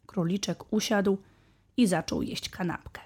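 A woman narrating a children's bedtime tale in a gentle, even manner. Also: mid-range voice, measured pace, breathy edge. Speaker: storyteller.

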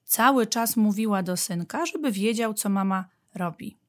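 Female narrator for children's audio story; clear, gentle read-aloud delivery. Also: mid-range voice, moderate pace.

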